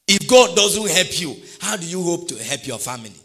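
Animated preacher man. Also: high-pitched, normal speed. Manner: animated preaching with call-and-response questions to the congregation. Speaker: pastor. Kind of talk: sermon.

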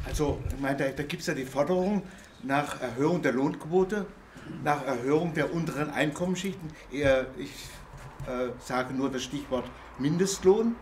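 A man from Baden-Württemberg speaking from the audience at a panel, halting and repeating words. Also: a little high, slight background noise. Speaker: audience member. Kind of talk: public discussion contribution.

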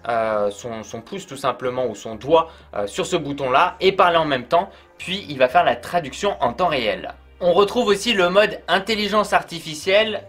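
Fairly high-pitched and fairly bright, a man's voice delivers an informal product review. He chats away with plenty of fillers, addressing whoever is watching head-on.

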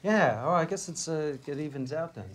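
A man's voice: fairly high pitch, lively intonation, a little hiss or hum. Stammering, laughing middle-aged male host. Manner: halting, stammering, laughs often. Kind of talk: casual onstage interview. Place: small hall with a live audience. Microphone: stand mic.

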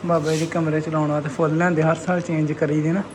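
A man films a casual vlog at home, chatting and giving directions to family members as he records. His voice is on the high side, his delivery flat, and his pace quick, with a noisy home background.

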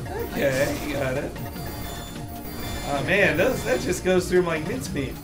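Higher-pitched man chatting over game music. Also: sing-song, normal speed. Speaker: livestream co-host watching the game. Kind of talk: casual gaming chat. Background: video game music.

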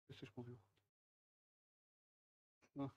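A man's voice: extremely slow, mellow, lo-fi sound. A man in his thirties giving a casual talk at a tech meetup, chatty and conversational, full of fillers and tag questions. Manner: conversational, frequent filler "tak?" and "e". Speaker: software team speaker at a tech meetup. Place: meetup room in front of projected slides.

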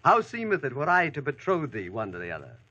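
A man's voice: medium pitch, huge pitch swings, fast talker, pushed and bright, slightly rough, highs cut off, heavily acted. An actor playing a noble, ceremonious king in mock-archaic radio drama, with formal, rhetorical delivery. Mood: benevolent. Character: noble, grateful, ceremonious king of medieval legend. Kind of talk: 1940s radio acting in mock-archaic English. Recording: band-limited old radio recording.

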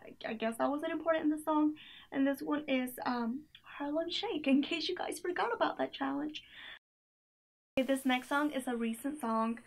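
In a small indoor room, a young woman reviews a playlist into a camera mic, easygoing and chatty. She stacks up fillers and small giggles, her high voice heavy with gravelly fry.

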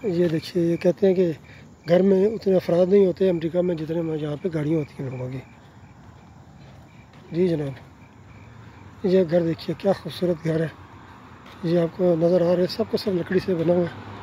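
Filming on his phone as he walks, a Pakistani travel vlogger with an Urdu accent gives polite, unhurried commentary on a quiet residential street, pointing out houses and often saying "ji" and "theek hai na". He is high-pitched, and the audio is dull with slight background noise.

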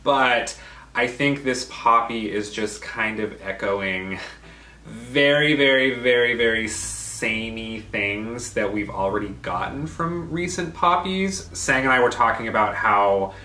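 In a living room, the doll channel's young co-host chats enthusiastically through a casual doll review, taking it slowly with a medium-pitched, bright and forceful voice. Faint music plays, and the recording is roomy and distant.

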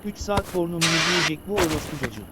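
A man's voice: fairly high pitch, racing. A man in crude, mocking banter, heckling a friend through a game. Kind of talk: casual gameplay banter. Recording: noisy background.

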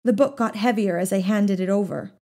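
A woman's voice: mid-range voice, fairly quick, mellow. Woman narrating a storybook. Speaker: audiobook narrator. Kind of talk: first-person storybook narration.

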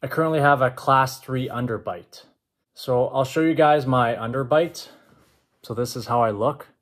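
A man, talking to camera in a measured, matter-of-fact way in a room at home. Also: medium pitch. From Canada. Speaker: vlogger. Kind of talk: vlog talk to camera. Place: indoors, open-plan home with kitchen and stairs.

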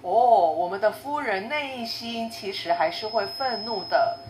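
Brief: woman playing a mild, soft-voiced young maid, quiet and unbothered, faint noise behind. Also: medium pitch, measured pace, close to an everyday voice. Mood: calm. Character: young maid, calm, evasive, testing her mistress. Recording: roomy echo, faint noise.

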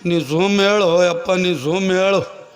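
A woman's voice: faint music behind, lightly acted. A man putting on a mournful old village grandmother. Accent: North Karnataka Kannada. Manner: slow, mournful, low. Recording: long hall reverb.

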